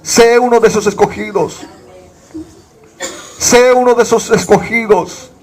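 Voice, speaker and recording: A man's voice: very high voice, steady tone, a little slow. A man from Bolivia preaching a sermon as pastor, fervent, with rhetorical questions.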